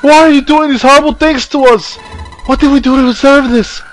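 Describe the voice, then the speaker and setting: A man voicing a terrified young woman in a video game who screams and sobs in a high falsetto. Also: steady tone, fairly quick, rough recording. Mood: hysterical screaming. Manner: shrieking, sobbing falsetto.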